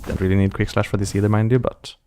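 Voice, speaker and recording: A man from Scandinavia gives casual gameplay commentary in a fairly low voice. He thinks aloud and answers chat comments, close to a desk mic. A faint hiss sits underneath. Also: flat delivery, fast, mellow. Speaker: gaming streamer.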